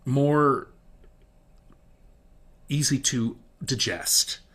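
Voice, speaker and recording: A middle-aged man talks through a song's lyrics on his podcast, reading each line aloud with lively emphasis. He turns critical in quieter asides between the quoted lines. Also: medium pitch, extremely slow, husky. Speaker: podcast host. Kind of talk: solo analysis of a song's lyrics.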